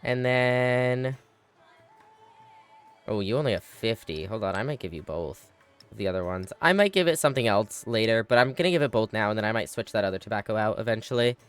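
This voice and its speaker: A man's voice: fairly low pitch, expressive, brisk, smooth, soft background music. A man streaming a strategy game, chatting casually with his viewers and thinking aloud with frequent exclamations, sounding a little tired. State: yawning, tired. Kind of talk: casual live gameplay commentary.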